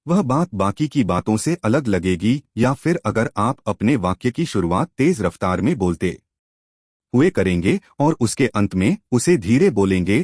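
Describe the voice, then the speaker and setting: A man's voice: fairly low pitch, a little mellow, husky, no echo, clean studio sound. A man narrating an audiobook-style book summary, explaining points and speaking directly to the listener with questions.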